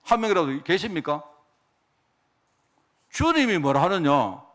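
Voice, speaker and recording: A man's voice: fairly high pitch, very animated, measured pace, fairly bright tone. A middle-aged male pastor, preaching an emotional, conversational sermon that keeps asking the congregation for agreement.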